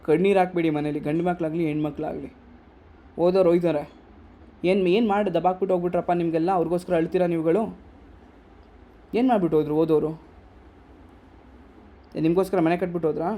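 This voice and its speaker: A young man with a Kannada accent speaks to a workshop audience, firing rhetorical questions and scolding them. His voice sits a little high but stays soft and mellow. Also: steady tone, a little fast, pauses often. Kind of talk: motivational workshop talk.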